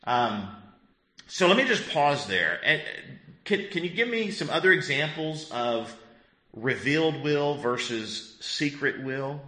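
Pastor, 50s male, lively and bright, conversational, echoey room. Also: on the high side, unhurried. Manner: conversational, asks the group questions, chuckles. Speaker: pastor teaching a class. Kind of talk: interactive Bible teaching.

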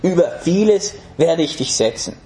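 A man's voice: fairly high pitch, lively intonation, moderate pace, mellow, roomy sound, a little hiss or hum. A man preaching a sermon in an emphatic way, putting rhetorical questions to the congregation.

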